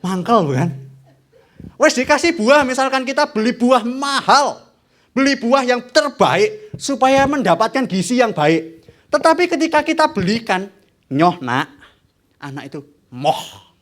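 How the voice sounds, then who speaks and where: A young man preaching a sermon in church, animated and asking the congregation questions. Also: very high voice, normal speed. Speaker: evangelist preacher.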